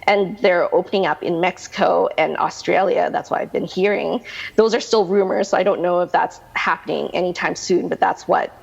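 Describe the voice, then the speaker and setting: A Canadian woman in her thirties talks through her answers with lots of fillers and restarts. Her low voice is husky with a gravelly fry. The recording is dull and lo-fi, with a long hall-like reverb. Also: steady tone, moderate pace. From Canada, Manitoba. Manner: chatty, rambling with many restarts and fillers. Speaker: guest, realtor. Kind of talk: interview answers.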